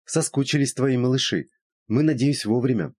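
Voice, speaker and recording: A man voicing a brisk, skeptical female friend who teases and lectures. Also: mid-range voice, a little mellow, breathy edge, dry recording, clean studio sound, voice pushed up, natural voice. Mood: teasing.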